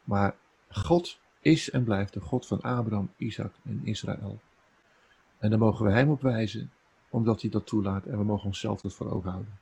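A man preaching an earnest, emotional sermon, rising to emphatic peaks and then dropping soft. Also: fairly low pitch, moderate pace, creaky, husky, rough recording.

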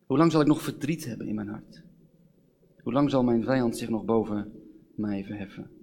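A man's voice: mid-range voice, normal speed, creaky, a little mellow, a little hiss or hum. A man gives a sermon in an informal, chatty way, full of fillers. His voice sits in the middle of the range and rises into earnest, pleading questions. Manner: informal, conversational preaching with fillers and rising pleas. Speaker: pastor.

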